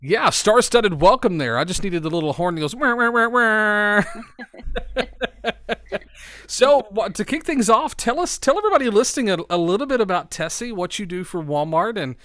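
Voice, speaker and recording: An upbeat, enthusiastic podcast host with a high, slightly bright voice and lively intonation chats casually in an interview, talking a little fast. He has a slight lisp from a bitten tongue, and the recording is dry.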